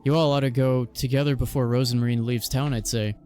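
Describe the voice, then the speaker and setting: A man's voice: mid-range voice, steady tone, a little fast, a little mellow, faint music behind, close to an everyday voice. A man voicing a cheerful, teasing village father as he reads video game dialogue aloud.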